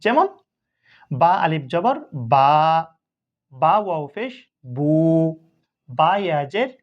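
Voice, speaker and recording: A male Quran recitation teacher talks slowly and with a lively, rising and falling pitch. He patiently spells out each example sound and repeats it for the learner. The recording is dull and lo-fi. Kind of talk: step-by-step recitation lesson.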